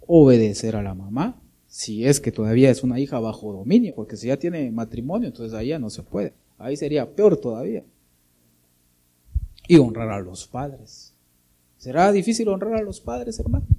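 Preaching in a mellow, mid-range voice, a man speaks straight to his listeners. He keeps asking them to agree with him and calls them brother again and again.

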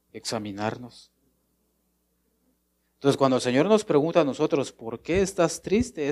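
A man preaching a sermon to his congregation, asking questions and answering them himself, and now and then softly acting out a short prayer. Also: mid-range voice. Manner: acts out short prayers and replies in a softer voice.

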